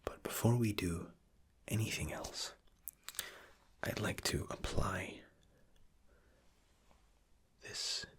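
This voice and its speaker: A man doing an ASMR role-play, speaking in a soft, unhurried, courteous whisper as hotel and spa staff. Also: fairly low pitch.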